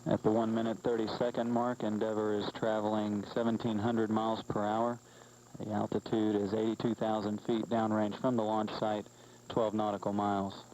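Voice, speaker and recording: A man's voice: on the low side, flat delivery, moderate pace, darkish tone. A man giving factual, official flight commentary as a mission control commentator. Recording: very noisy broadcast audio.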